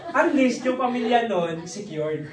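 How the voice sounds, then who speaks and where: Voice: mid-range voice, expressive, unhurried, distant mic. A business presenter giving a jokey seminar talk, who keeps quizzing a live audience in an office hall. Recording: roomy hall, recorded from afar with audience noise.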